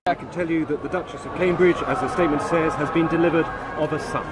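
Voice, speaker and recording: A man giving live news commentary as a royal correspondent, explaining things in a measured way. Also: on the high side, steady tone. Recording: loud crowd and street noise. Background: cheering crowd, outdoor city noise.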